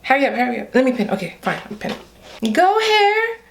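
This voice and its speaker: Very animated and fairly quick, her high voice carries a Haitian accent as this young beauty vlogger talks hair. She's chatty and playful, addressing viewers directly as y'all.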